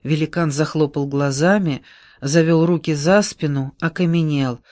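A man's voice: fairly high pitch, fairly even intonation, moderate pace, a little mellow, dry recording, studio quality. Man reading an audiobook. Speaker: audiobook narrator. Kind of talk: scripted narration.

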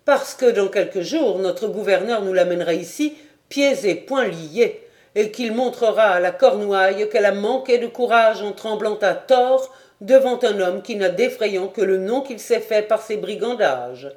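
A woman voicing an insolent, boastful male sergeant who taunts and mocks loudly. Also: mid-range voice, unhurried, natural voice. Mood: mocking. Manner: loud, scornful and taunting.

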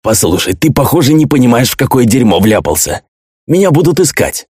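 A man's voice: sing-song, a little fast, darkish tone, slightly rough, no room sound, studio quality. A man voicing a terrified, crude male tattooist held captive, shrieking and swearing in an audiobook. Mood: pleading. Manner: shrill shrieking, swearing, sobbing.

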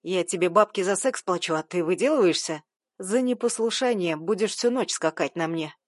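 A woman voicing a brash, pushy rich young man with a low, husky, commanding voice in an audiobook. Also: expressive, moderate pace, no echo, clean studio sound. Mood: harsh. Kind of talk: audiobook character voice.

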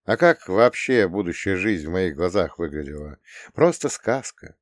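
A man's voice: deep voice, very animated, normal speed, no room sound. A man narrating a first-person audiobook in a wry, dry storytelling manner. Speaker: audiobook reader.

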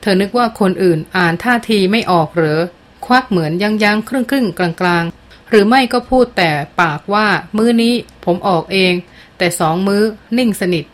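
A fed-up young woman who is done with her younger lover, as a woman narrator voices her, cutting and reproachful in a storybook reading. Her pitch sits in an ordinary middle range, and she lays out her grievances with steady coldness. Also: normal speed, close to an everyday voice. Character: young woman ending a relationship, cold and fed up.

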